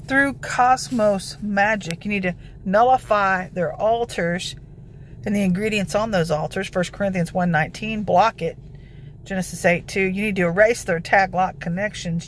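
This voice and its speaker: A woman with a gravelly voice giving informal, emphatic devotional exhortation as a prayer preacher. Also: mid-range voice, slight background noise. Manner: emphatic, declarative, peppered with scripture citations.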